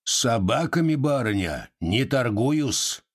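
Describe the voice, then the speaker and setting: A man reading an audiobook voices a poor old organ-grinder who talks humbly and haltingly but with dignity, in a husky voice. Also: mid-range voice, very animated, pitched above the performer's own voice, heavily acted. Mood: dignified.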